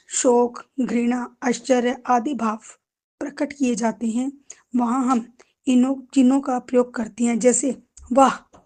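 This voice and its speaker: A woman teacher giving a grammar lesson to school students, addressing them affectionately as children and answering her own questions. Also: high-pitched. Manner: asks the class questions and answers them herself.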